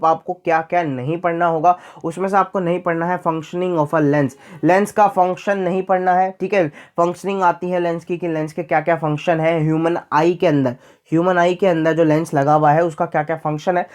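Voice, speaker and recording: Chatty young man explaining the syllabus. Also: sits high. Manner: chatty, repeats key points, addresses students as bhai. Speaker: teacher explaining syllabus changes. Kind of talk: casual explainer to students.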